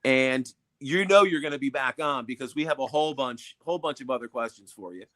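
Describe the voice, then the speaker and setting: A man's voice: mid-range voice, expressive, a little fast, a bit bright. A man co-hosting a podcast, upbeat as he asks questions and thanks his guest. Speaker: podcast co-host. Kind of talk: casual interview.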